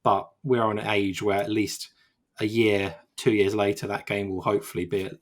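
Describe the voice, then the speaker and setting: A man co-hosts a video game podcast, chatting casually and rambling, frequently restarting his sentences. His voice is on the low side, and he talks at a moderate pace with a flat delivery.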